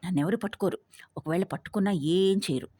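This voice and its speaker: A woman voicing a cocky young man on the run, brash and teasing, with a husky voice. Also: medium pitch, fast talker, dark tone, dry recording, lightly acted. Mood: cocky, hushed.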